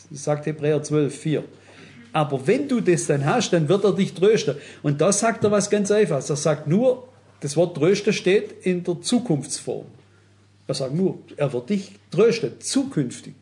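A man preaches with earnest, direct appeals to his listeners. His voice sits a little higher than most men's. He keeps turning to the congregation as he explains his point. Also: a little mellow. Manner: earnest, addresses listeners directly, frequent "wisst ihr". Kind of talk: sermon.

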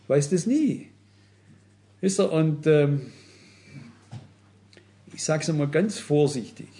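A man preaches with earnest, direct appeals to his listeners. His voice sits a little higher than most men's. He keeps turning to the congregation as he explains his point. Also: mellow. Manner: earnest, addresses listeners directly, frequent "wisst ihr". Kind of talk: sermon.

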